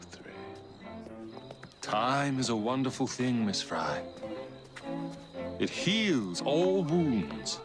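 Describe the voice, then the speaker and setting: An actor playing a suave, menacing middle-aged Victorian villain, speaking in a slow, measured way as if leading a slow dance. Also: male voice, lowish voice, heavily acted. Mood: suave menace. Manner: slow, measured, counting and philosophizing while slow dancing. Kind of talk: dramatic game cutscene acting. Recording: loud orchestral waltz music behind. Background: loud string dance music.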